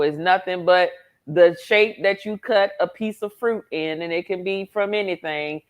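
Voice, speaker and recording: A woman from Brooklyn, New York, a guest in a casual interview, explaining things in a plain, matter-of-fact way. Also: lowish voice. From Brooklyn, New York, United States.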